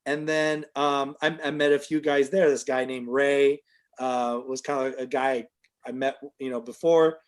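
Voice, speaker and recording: A man's voice: medium pitch, steady tone, a little slow. A middle-aged man telling a long, casual story as an interview guest, full of fillers, and livelier when he quotes other people.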